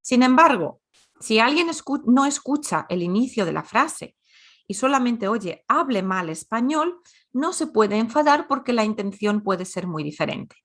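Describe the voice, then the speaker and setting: A woman's voice: a little high, very animated, normal speed, a bit bright. A woman teaching a grammar lesson, explaining patiently and repeating example sentences. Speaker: Spanish teacher.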